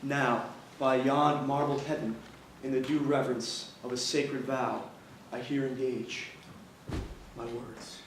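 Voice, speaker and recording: A man's voice: mid-range voice, steady tone, slow, natural voice. A man playing a fierce, anguished, betrayed husband bent on revenge in a declamatory stage monologue with sudden outbursts. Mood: solemn vow. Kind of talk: dramatic stage monologue recitation. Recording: echoey hall, distant mic, faint noise.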